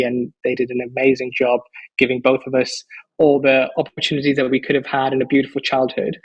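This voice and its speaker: The recording is rough, carrying a medium-pitched male voice. He's a roughly forty-year-old physician from the Netherlands, a podcast guest who speaks enthusiastically and articulately in the interview.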